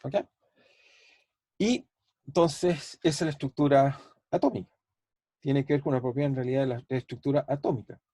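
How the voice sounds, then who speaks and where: A man with a dark, mid-range voice speaks a little fast but pauses often, recorded without echo. He's a physics professor with a Chilean Spanish accent running an online university lecture, where he thinks aloud, repeats words, and poses questions to students.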